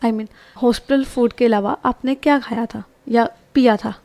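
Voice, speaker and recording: A patient, gently stern male doctor in a spoken storybook, as a woman narrator puts him on. He coaxes in an even, everyday tone at a fairly high pitch, close to the teller's own voice. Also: normal speed, no room sound, close to an everyday voice. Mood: coaxing.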